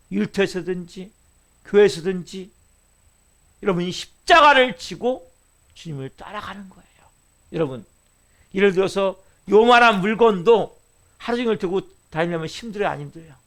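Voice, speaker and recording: Man, pastor, fervent sermon, raised pitch, gravelly fry, rhetorical questions, loud-to-hushed swings. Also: animated, moderate pace, long pauses. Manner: fervent preaching with sudden loud rises and hushed drops.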